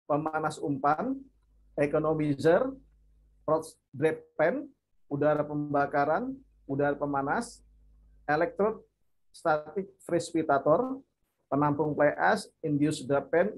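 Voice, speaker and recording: A man lecturing over a video call, going through a list of parts slowly, with fillers and repeated words as he explains. His voice sits a little higher than most men's, and he sounds like a university lecturer teaching from home. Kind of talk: online lecture. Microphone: computer mic on a video call.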